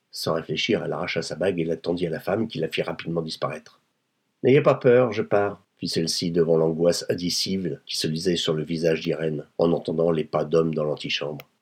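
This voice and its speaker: A man narrating a novel aloud in a measured, dramatic reading. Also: sits low, breathy edge. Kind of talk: audiobook reading.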